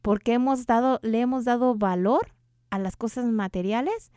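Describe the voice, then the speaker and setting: A woman's voice: on the high side, normal speed, mellow, dry recording, clean studio sound. A woman hosting a radio show on energy healing, talking earnestly and putting questions to the listener in a preachy way. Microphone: studio microphone.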